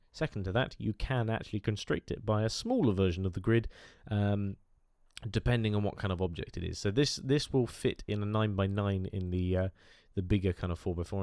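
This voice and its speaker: Over his gameplay, a gaming YouTuber with a cold rambles enthusiastically, filling his casual commentary with fillers in a nasal, chatty way. His voice is on the low side with a darkish tone, captured in a dry, studio-quality recording.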